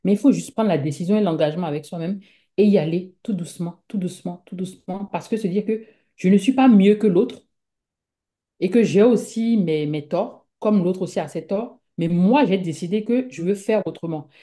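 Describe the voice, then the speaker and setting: Mellow-voiced woman from Africa, rambling. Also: medium pitch, normal speed. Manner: rambling, full of fillers and repetitions; acts out her own inner thoughts as quotes. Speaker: guest speaker. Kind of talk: conversational talk.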